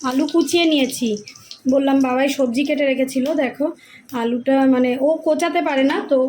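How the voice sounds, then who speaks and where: A young woman chatting to viewers in a home vlog, her voice hoarse as she cooks in the kitchen. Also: high voice, brisk, darkish tone. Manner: chatty, addresses viewers directly. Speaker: vlogger. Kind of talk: casual home vlog narration. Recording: echoey room with household noise.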